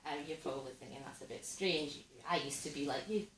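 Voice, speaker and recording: A woman performing a dry, deadpan stand-up set on a theatre stage, recorded in an echoey room. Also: sits low, fast talker, noisy background. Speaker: stand-up comedian and host. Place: theatre stage before a live audience. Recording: echoey theatre, mic at a distance.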